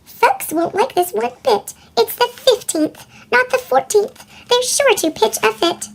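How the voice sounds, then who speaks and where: Woman as squeaky, earnest little storybook girl. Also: animated, measured pace, creaky, full character voice. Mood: worried. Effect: chipmunk pitch shift.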